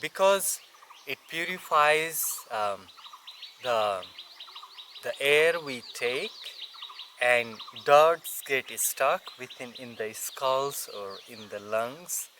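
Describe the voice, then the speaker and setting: A man who is a non-native English speaker gives an unscripted yoga lesson as a teacher, halting and searching for words. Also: medium pitch, expressive, sharp tone, a little hiss or hum. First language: not English. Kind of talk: unscripted instructional explanation.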